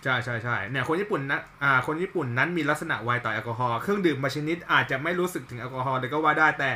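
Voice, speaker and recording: Male podcast host, quick and crisp, slangy with friends, polite to listeners. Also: mid-range voice, bright, forceful tone, a little hiss or hum. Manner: loose and swearing among friends, polite when addressing listeners. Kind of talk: casual podcast chat, reading out facts.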